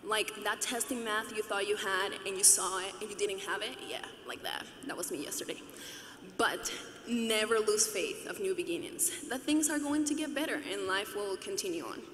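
A woman's voice: medium pitch, moderate pace, a bit bright, a little hiss or hum. A woman in her twenties from Venezuela, giving an earnest, conversational graduation speech with light humor at a podium microphone in a large arena. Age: 20s. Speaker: student commencement speaker. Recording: echoey arena with long reverb.

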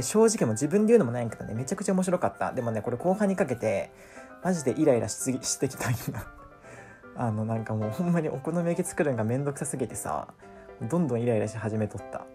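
A man with a talks over his own vlog footage in a casual voice-over. His voice is dark and mellow, and he complains in a whiny, exasperated way. Faint music plays behind him. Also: mid-range voice. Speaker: vlogger.

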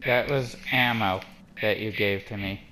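A man's voice: on the low side, fairly even intonation, a little slow, sharp tone, poor audio. A young man chatting casually as he plays a co-op video game with a friend. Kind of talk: casual co-op gameplay chat. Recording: faint game ambience behind.

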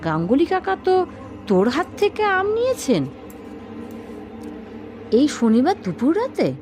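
A woman's voice: expressive, measured pace, over music. A woman voicing a fretful elderly mother in a spoken ghost story, crying out shrilly in alarm. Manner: wailing, distressed, shrill.

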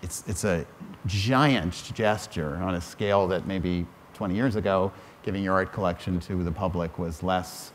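A man's voice: deep voice, moderate pace. Middle-aged man musing on a panel stage. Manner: thoughtful, restarts phrases often. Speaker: museum director on a panel. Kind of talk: panel discussion. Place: large hall on a stage before an audience. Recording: hall reverb with faint noise.

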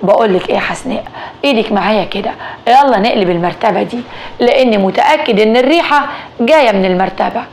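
A woman voicing a calm, practical Egyptian husband in a told story, speaking steadily in a slightly lowered voice. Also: quick pace, slight background noise, close to an everyday voice. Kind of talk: storytelling dialogue.

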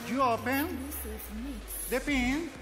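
Spanish-native man, Venezuelan accent, high voice, live stage demo with music behind. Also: slow. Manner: simple broken English, repeats "very easy". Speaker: hair stylist demonstrator. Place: large indoor trade show stage. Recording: loud background music over PA.

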